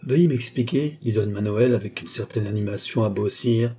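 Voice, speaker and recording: A haughty yet jittery fake nobleman in a storybook read-aloud, voiced by a man. The voice is warm and husky, with an air of strained dignity. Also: on the low side, level tone, brisk. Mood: agitated. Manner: dignified but anxious. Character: proud, nervous male impostor posing as an ambassador.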